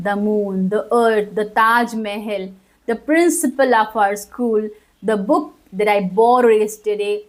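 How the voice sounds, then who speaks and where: Hindi-speaking woman teacher, fairly high voice. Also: poor audio. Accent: Indian English. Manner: explains patiently, asks and answers her own questions. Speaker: English grammar teacher. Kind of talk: classroom-style grammar lesson.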